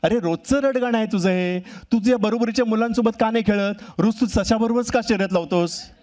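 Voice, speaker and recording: A man's voice: sits high, brisk, darkish tone, voice pushed up, lightly acted. A man doing a nagging mother turtle. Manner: scolding, nagging. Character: complaining mother turtle scolding her young.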